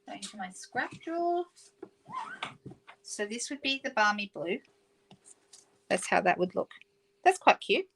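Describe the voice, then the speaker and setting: A woman's voice: mid-range voice, sing-song, unhurried, gravelly, pauses often, a bit bright, slight background noise, poor audio. A middle-aged Australian woman hosting a live papercraft stream, chatting casually and reading out viewer comments as she works. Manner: chatty, reads out viewer comments, self-correcting. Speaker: craft livestream host. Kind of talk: casual live craft demonstration.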